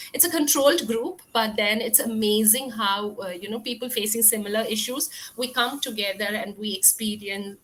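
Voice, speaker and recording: A woman's voice: medium pitch, fairly bright tone, poor audio. A woman speaking at a mental health session, telling a story in a chatty way with many fillers. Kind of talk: storytelling talk.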